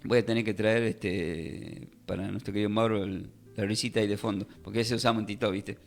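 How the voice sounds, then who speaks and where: A man's voice: fairly low pitch, steady tone, fairly quick, vocal fry. A man teaching a radio Bible class, emphatic, often repeating phrases and spelling out words. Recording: radio studio with faint music.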